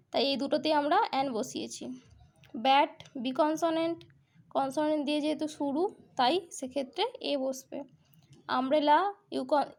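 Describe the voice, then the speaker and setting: A woman's voice: high-pitched, a little mellow. A woman, teaching a grammar lesson step by step through examples.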